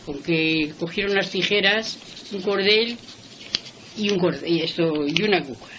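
A woman's voice: lowish voice, normal speed. An older woman telling a folk tale in a homely, plain way, with faint noise behind. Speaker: storyteller.

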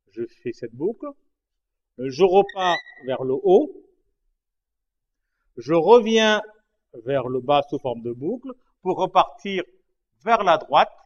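Slow, patient man teaching a lesson. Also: a little high. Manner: patient, repeats and checks understanding. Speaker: language teacher. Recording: dull lo-fi recording.

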